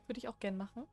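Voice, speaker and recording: A woman's voice: on the high side, a little mellow. A young woman chatting casually while she plays a horror game, joking and talking back to what happens on screen. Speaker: let's play gamer.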